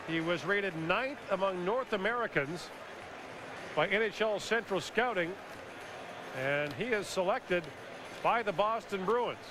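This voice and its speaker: A man hosting a live televised draft broadcast, brisk and informative with light jokes, heard from a worn VHS tape copy. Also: sits high, expressive. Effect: hissy worn VHS tape copy. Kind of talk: live sports broadcast commentary. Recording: hissy old videotape broadcast.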